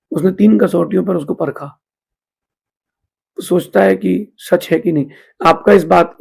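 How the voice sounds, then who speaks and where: A man's voice: high voice, gravelly, darkish tone, husky. A man giving a conversational sermon as a Jain monk, mixing in English phrases.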